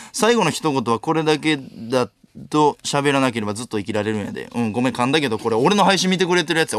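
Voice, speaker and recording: Kansai man in his 20s hosting solo late-night radio, lively swinging delivery, quick comic comebacks. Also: medium pitch. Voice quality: sharp comedic retorts, Kansai tsukkomi. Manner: rapid-fire reading and snapping back. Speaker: radio host reading listener mail. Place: radio studio. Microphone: studio microphone.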